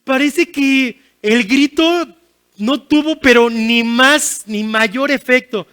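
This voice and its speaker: A man's voice: very high voice, slow pace, sharp tone, smooth. A man preaching a sermon as guest pastor, earnest and pleading, with repeated phrases and touches of self-deprecating humor. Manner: earnest, repetitive pleading cadence.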